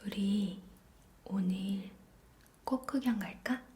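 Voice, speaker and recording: A woman whispering gently and affectionately in a roleplay ASMR, talking softly to the listener. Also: medium pitch, slow, roomy sound. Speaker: ASMR creator.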